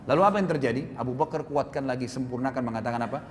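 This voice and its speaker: A man preacher telling a story in a sermon in a mosque, animated and speaking directly to his listeners. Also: medium pitch, rapid-fire. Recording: echoey mosque hall, faint background noise.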